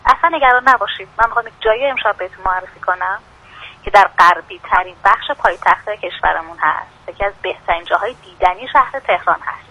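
A woman's voice: medium pitch, bright, forceful tone, no room sound. A woman contributor speaking over the phone to a radio show, presenting a feature in a friendly, informative way. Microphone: telephone. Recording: phone line into radio broadcast.

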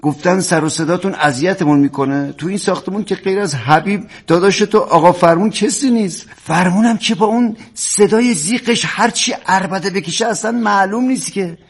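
An actor playing a talkative, loud husband who jokes and bickers, in a comic radio drama. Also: male voice, high voice, hardly any pauses, slightly rough. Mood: teasing. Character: talkative loud middle-aged husband, teasing.

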